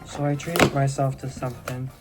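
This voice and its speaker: A young woman vlogging casually, hoarse and coughing, rambling excitedly and swearing freely. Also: extremely low pitch, normal speed. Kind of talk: casual vlog talk. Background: background music.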